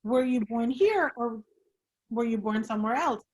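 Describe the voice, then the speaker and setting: A woman hosts an online group discussion over a video call. Her voice sits a little high. She talks in a rambling, animated way and often restarts her sentences. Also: normal speed. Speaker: discussion host. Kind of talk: casual talk to an online group.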